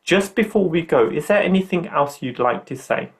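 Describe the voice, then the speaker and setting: A man's voice: fairly high pitch, animated, normal speed, gravelly. A middle-aged man hosting a podcast, talking in an earnest, upbeat, motivational way. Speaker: podcast host.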